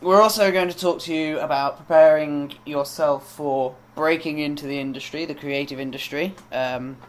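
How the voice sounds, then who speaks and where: A young man in his twenties co-hosting a podcast, chatty and quick to laugh, with a few ums along the way. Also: on the high side, steady tone, a little hiss or hum. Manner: chatty, laughs often, hesitant with fillers. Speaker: podcast co-host. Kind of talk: casual chat.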